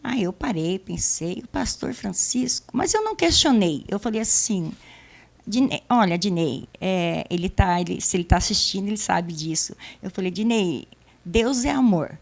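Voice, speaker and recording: A middle-aged woman giving a church testimony, telling her story in a casual, lively way and acting out the dialogue. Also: medium pitch, normal speed, creaky.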